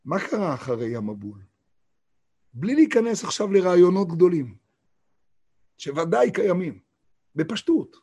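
Husky high-voiced man teaching Torah. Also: big pitch swings, warm tone. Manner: emphatic, asks rhetorical questions and reads verses slowly. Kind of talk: Torah lesson.

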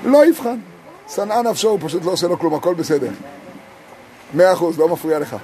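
A male rabbi teaching a group in a sukkah. He tells a story, chants verses slowly and keeps asking his listeners questions. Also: sits high, lively intonation, mellow, slight background noise.

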